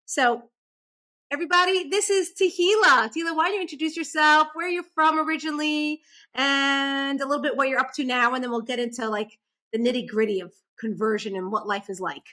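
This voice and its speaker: A woman hosting a podcast, chatting casually and warmly with a friend she is interviewing, bubbly and animated. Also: sits high, fairly quick. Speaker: podcast host.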